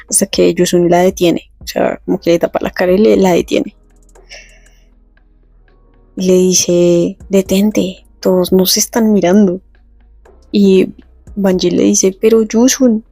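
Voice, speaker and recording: A woman casually retelling a comic story, reading the characters' lines slowly and chatting between them. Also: lowish voice, creaky, warm tone, no echo. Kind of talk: casual comic recap with read-out dialogue.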